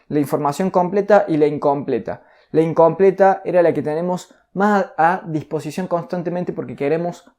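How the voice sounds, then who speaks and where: Mellow-voiced man teaching. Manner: deliberate, shifts pace and pitch to demonstrate. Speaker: communication course instructor. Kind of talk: recorded online course lesson.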